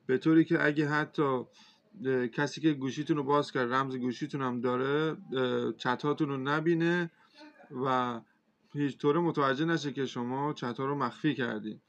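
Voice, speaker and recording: A man giving a casual, step-by-step phone tutorial as a computer instructor, talking in a relaxed, hesitant way with many filler sounds. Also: mid-range voice. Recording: slightly dull lo-fi sound.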